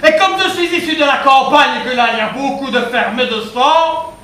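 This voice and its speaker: A man doing a rambling, tipsy politician, puffed-up and full of puns. His voice sits very high and bright. It sounds like a live stage recording, echoey and picked up from far off. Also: animated, normal speed, a little hiss or hum, full character voice. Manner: tipsy, rambling, punning, pompous. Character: drunk pompous Belgian politician, middle-aged man. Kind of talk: stand-up one-man show character. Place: theatre stage.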